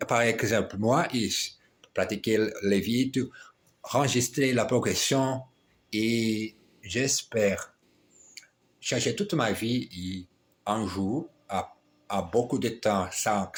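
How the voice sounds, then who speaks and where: A man's voice: lowish voice, a little hiss or hum. A man with a foreign accent, a non-native speaker practising French aloud, hesitant and often repeating words and phrases. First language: not French. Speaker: language learner recording daily practice. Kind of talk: self-recorded language practice talk, halting French.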